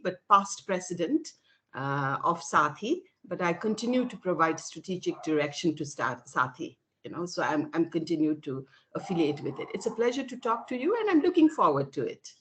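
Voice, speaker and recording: A woman in her sixties from Nepal speaks in an interview over a video call. Her voice sits a little low, and she talks thoughtfully, breaking off and restarting her sentences with frequent fillers. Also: animated, normal speed, a bit bright, slight background noise. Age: 60s. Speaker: interview guest, women's rights activist.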